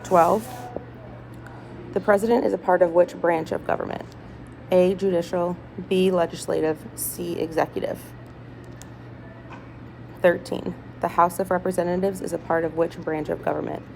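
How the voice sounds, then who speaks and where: Lowish woman w vocal fry reading test questions out loud in a hospital room, bit of background noise. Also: steady tone, poor audio. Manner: deliberate, item-by-item reading with small stumbles. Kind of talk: reading multiple-choice test questions aloud. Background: people talking, ambient noise.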